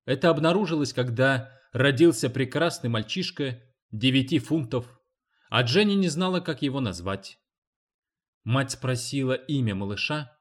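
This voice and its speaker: A man narrating a novel for an audiobook in an even, measured reading. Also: mid-range voice. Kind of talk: scripted narration.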